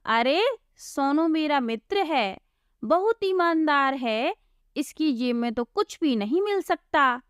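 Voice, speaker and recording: A sly, scheming young man of a storybook who feigns friendship and talks smugly, as a woman voices him. The voice runs high and slow. It sounds dry and close. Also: expressive, no echo. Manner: smug, mock-innocent.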